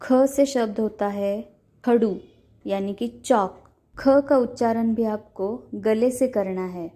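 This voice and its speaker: Give me a young woman teacher with a warm, mellow voice, pronouncing each syllable slowly and clearly. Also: a little high. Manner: spells out syllables one by one, clearly articulated. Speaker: language teacher. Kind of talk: slow, careful pronunciation lesson.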